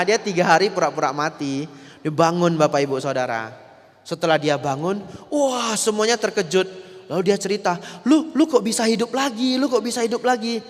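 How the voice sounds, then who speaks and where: A man, a Buddhist monk giving a lively dharma talk that often turns to the audience. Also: fairly high pitch. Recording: long reverb of a large hall.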